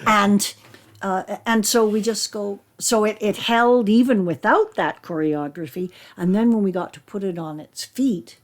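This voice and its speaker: A woman actor talking reflectively in an interview, with earnest, deliberate and emphatic phrasing. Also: medium pitch. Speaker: stage actor.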